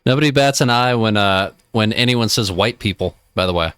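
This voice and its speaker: A man's voice: on the low side, fairly quick, heavy background noise. A man hosting a reaction video, giving rambling casual commentary over a clip.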